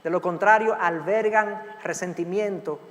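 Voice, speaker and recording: A middle-aged male pastor giving an animated sermon, acting out parents and children in quick asides. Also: sits high. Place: large church hall. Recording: long hall reverb.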